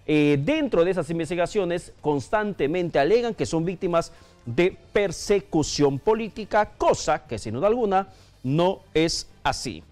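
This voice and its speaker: A man's voice: a little high, darkish tone. A man hosting a radio news interview in a studio and pressing his guest with listeners' questions.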